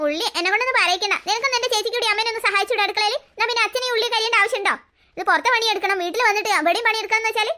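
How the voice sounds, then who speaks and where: A performer doing a sulky, complaining father in a comic family sketch, in a very high, bright and fast voice. He whines and grumbles instead of helping. No deepening or gruffness is put into the voice. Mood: irritated. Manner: whiny, complaining.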